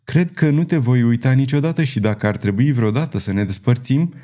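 A man reading an audiobook, voicing a gentle and devoted young woman who speaks tenderly and pleadingly. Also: medium pitch, natural voice.

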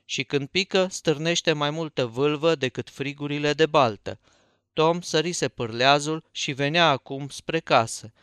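A man reading a novel aloud in a folksy, even first-person narration. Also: mid-range voice, smooth, dry recording, clean studio sound. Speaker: audiobook narrator.

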